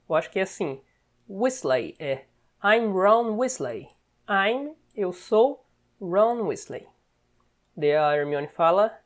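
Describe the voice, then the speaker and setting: Explaining lines from films to teach English, a mid-range-voiced woman with a Brazilian Portuguese accent keeps checking in using brief tags. She says words slowly again so learners can copy them.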